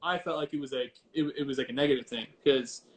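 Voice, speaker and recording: A man's voice: medium pitch, fast talker. A man chatting casually as a DJ guest, informal and hesitant, repeating himself, speaking into headphones used as a mic. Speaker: DJ and livestreamer, interview guest. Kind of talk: casual chat. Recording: noisy headphone mic on online call.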